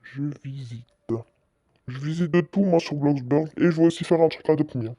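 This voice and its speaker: Casual male host, slight stammer, higher voice, dry lo-fi home mic. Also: warm tone, dry recording. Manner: stammers a little, halting and chatty. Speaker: channel host. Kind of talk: casual screen-recording commentary.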